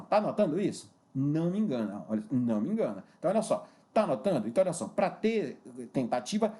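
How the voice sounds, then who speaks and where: A man with a slightly high voice delivers a recorded law lesson in a lively, engaging style. He draws out key terms slowly and keeps checking in with the viewer.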